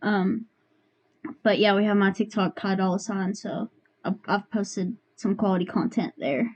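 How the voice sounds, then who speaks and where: A woman's voice: mid-range voice, measured pace, a little mellow. A woman guesting on a casual podcast in a small room, playful and self-mocking.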